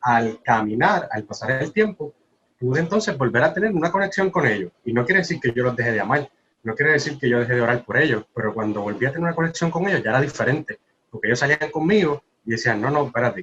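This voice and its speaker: A man, earnestly sharing a personal testimony as a podcast co-host, his voice often trailing off softly. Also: mid-range voice, expressive, fast. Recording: slightly muffled with faint background noise.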